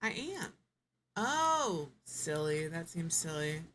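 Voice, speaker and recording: A woman with a fairly low voice streams live gameplay commentary, thinking aloud as she clicks through options. She muses, trails off and corrects herself in a casual, chatty way. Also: unhurried, a bit bright.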